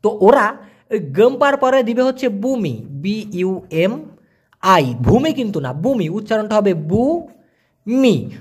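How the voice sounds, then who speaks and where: A man teaching a casual language lesson, repeating and spelling out words for learners. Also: high-pitched.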